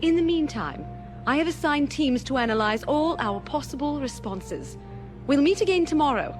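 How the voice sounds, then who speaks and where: An actress playing a resolute, earnest princess and rebel leader, composed and articulate, in a space-opera audio drama. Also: female voice, sits high, lively intonation, normal speed, music in the background. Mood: authoritative. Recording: orchestral score under the voice.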